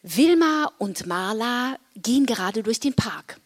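A woman reading a children's story aloud, with an expressive, varied storytelling delivery. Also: on the high side, a little slow. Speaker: story reader.

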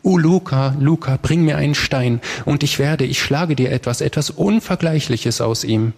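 A man's voice: a little high, normal speed, a little mellow, breathy edge, long reverb tail, pitched above the performer's own voice. A boastful sculptor rhapsodizes in a raised, gushing voice, as a man reading aloud puts him on. His delivery is theatrical and self-adoring, like a storybook character hamming it up. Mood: ecstatic. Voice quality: grandiose, sweeping, gushing.

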